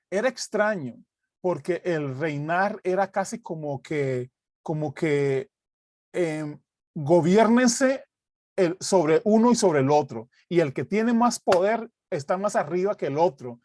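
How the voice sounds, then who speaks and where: A man teaching an informal Bible lesson, talking haltingly with many restarts and checking in with his listeners as he goes. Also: on the high side, a little mellow, dry recording, clean studio sound. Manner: halting, many restarts, keeps asking "right?".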